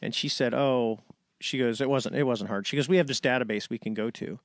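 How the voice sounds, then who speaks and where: A man's voice: mid-range voice, brisk, slight background noise. A middle-aged man from the United States, a guest on an interview show, telling a long story in a casual way and acting out the voices of the people he quotes. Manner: animated storyteller, acts out quoted dialogue. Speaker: interview guest, retired navy fighter pilot.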